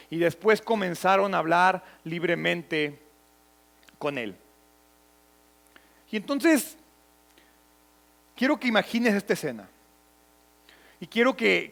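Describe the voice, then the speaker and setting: A man preaching an earnest sermon and reading from Scripture, often letting his phrases fall soft and low.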